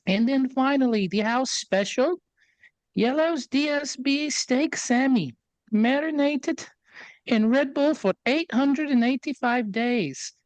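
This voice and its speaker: A woman's voice: sits high, takes it slowly, darkish tone, dry recording, poor audio. A woman voicing a chirpy female menu presenter, doing a put-on Canadian-British accent with Scottish touches and upbeat announcer patter. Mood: cheery.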